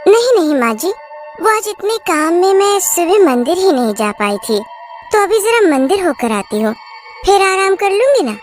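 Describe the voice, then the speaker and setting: Young newlywed wife read by a woman, teasing and skeptical, high lively voice over faint music. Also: moderate pace. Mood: pleading. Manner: bright, teasing, mocking.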